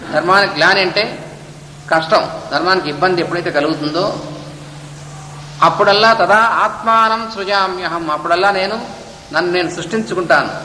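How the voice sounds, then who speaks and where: A man giving a spiritual discourse, reading a text and then explaining it, sometimes chanting verses slowly. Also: high voice, sharp tone, roomy sound, in a large hall, slight background noise, poor audio. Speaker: spiritual teacher. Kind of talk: Gita discourse.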